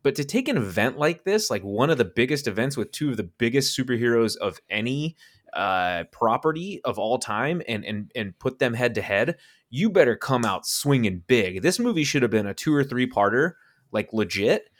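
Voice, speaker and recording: A man's voice: mid-range voice, sing-song, normal speed. A man co-hosting a casual movie podcast, ranting with profanity and incredulous laughter. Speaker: podcast co-host.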